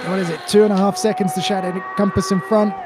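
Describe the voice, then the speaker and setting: A man giving excited, urgent live play-by-play commentary on a sim race in short, clipped phrases. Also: high-pitched, fast talker, loud music behind the voice.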